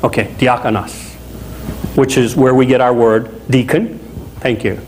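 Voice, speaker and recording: A middle-aged man from Louisiana preaching a sermon as a pastor in a small chapel, talking in a conversational, animated way with asides. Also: mid-range voice, unhurried, a little hiss or hum, low-quality recording. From Louisiana, USA.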